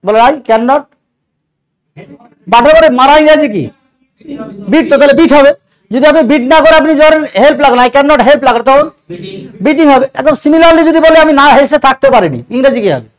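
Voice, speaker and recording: A man teaching English grammar in an exam doubt-clearing lecture, explaining step by step and asking his students questions along the way. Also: extremely high pitch, brisk, long pauses, low-quality recording.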